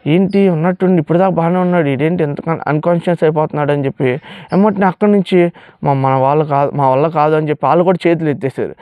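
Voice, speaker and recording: A young man telling his own testimony in a rushed, emotional storytelling manner, acting out the pleading words of others. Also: fairly high pitch, dry recording, narrow, tinny audio. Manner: fast emotional storytelling, acts out pleading quotes. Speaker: testimony speaker. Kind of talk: personal testimony.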